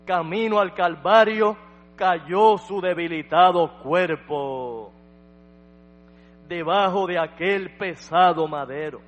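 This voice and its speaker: A man's voice: high-pitched, takes it slowly. A man acting out an elderly prophet's solemn prayer, drawing words out and rising to a cry. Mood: fervent pleading. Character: elderly male preacher praying fervently.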